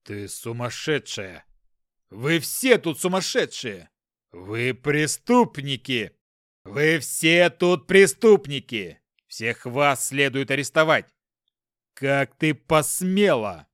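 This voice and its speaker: A man voicing a furious male inspector who shouts accusations, his voice shaking with rage. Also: medium pitch, very animated, slow pace, no room sound, studio quality. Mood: enraged shouting.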